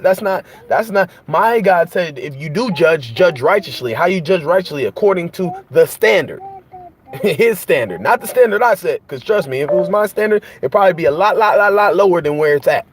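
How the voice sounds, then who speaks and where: A man's voice: high-pitched, husky. A man preaching in an impassioned monologue, piling up rhetorical questions and repetition. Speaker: host.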